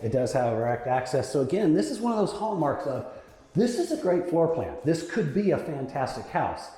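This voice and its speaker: A man's voice: on the high side, very animated, normal speed, warm tone. A man walking through a house, pointing out its flaws in an upbeat, joking way. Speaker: realtor touring a house. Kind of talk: walkthrough commentary. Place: indoors in a house basement. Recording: echoey room.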